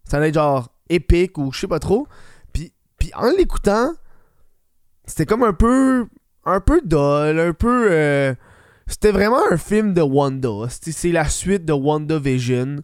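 A Quebec-accented man with a fairly high voice chats as a solo podcast host. His talk is informal and sweary, sprinkled with English slang. The recording is dry, free of room echo. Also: animated, a little slow, smooth. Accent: Quebec French. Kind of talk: casual podcast chat.

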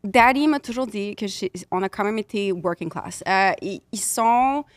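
A woman playing a rich young Los Angeles influencer and DJ who speaks halting French with an American accent, dropping English words and valley-girl fillers. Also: medium pitch, no room sound, natural voice. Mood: breezy. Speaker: guest. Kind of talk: improvised comedy interview.

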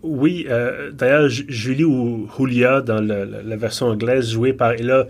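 A man's voice: mid-range voice, fairly even intonation. A man in his thirties with a Quebec French accent and a mid-range voice. He analyzes a film in a thoughtful, conversational way. He often stumbles and restarts his sentences as he goes. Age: 30s. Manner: thoughtful, halting with repeated restarts. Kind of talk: casual film discussion.

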